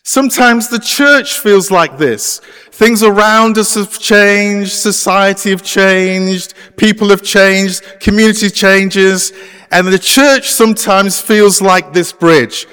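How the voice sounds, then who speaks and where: This is a middle-aged English pastor delivering a conversational sermon in a church sanctuary, using many fillers. His voice is high and sharp yet smooth, he speaks slowly, and a long reverb tail trails his words.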